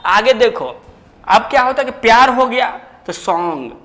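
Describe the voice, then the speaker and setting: High-voiced chatty teacher. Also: male voice, a little slow. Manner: chatty, jokey, colloquial, rises loud when excited. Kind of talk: exam tips lesson with memory tricks. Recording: echoey room with long reverb.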